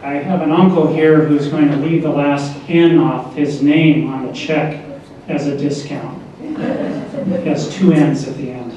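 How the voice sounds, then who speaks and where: An older man giving a memorial tribute to his mother, speaking haltingly with pauses and fillers. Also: fairly high pitch, fairly even intonation, mellow, slight background noise. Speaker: son giving a eulogy. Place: large echoing hall. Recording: echoey lo-fi hall recording from far off.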